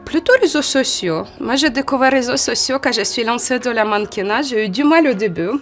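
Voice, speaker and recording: Ukrainian-accented woman in her forties, higher voice. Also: animated, faint music behind. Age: 40s. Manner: halting, restarts often, with a strong foreign accent. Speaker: model, interview guest. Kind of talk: casual interview answers. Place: photo studio.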